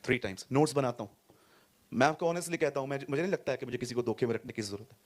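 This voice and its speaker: An animated male pastor preaches to a congregation in a church hall. He swings from loud, pressing lines to soft, low asides and drops English words into his speech. His pitch sits in the middle range. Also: rapid-fire. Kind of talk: sermon.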